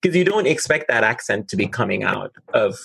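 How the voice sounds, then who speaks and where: A man chatting casually about a film, giving measured, relaxed opinions. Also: lowish voice, creaky, breathy edge, dry recording. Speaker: film discussion co-host. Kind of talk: casual conversation.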